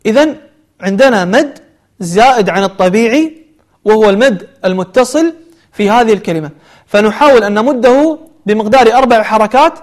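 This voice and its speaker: High-voiced man teaching Quran recitation. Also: lively intonation. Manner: alternates slow melodic recitation with brisk explanation. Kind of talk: tajweed lesson with chanted examples.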